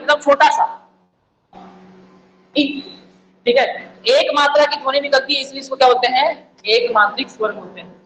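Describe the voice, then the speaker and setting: A male teacher giving an exam-prep lecture, repeating key points and firing quick questions at the listeners. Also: extremely high pitch, a bit bright. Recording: echoey room, faint background noise.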